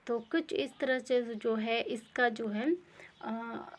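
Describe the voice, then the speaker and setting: A woman teaching pronunciation rules, talking slowly and repeating herself, with many "uh" pauses, who poses questions and then answers them herself. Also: on the high side, steady tone. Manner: slow and repetitive, with many "uh" pauses. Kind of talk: explaining English pronunciation rules.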